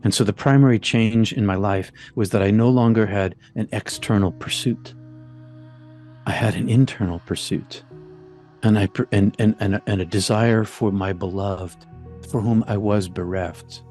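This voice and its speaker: A man recounting a personal experience in a halting way, often repeating words and restarting. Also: on the low side, steady tone, darkish tone, soft background music. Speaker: storyteller. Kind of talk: personal testimony.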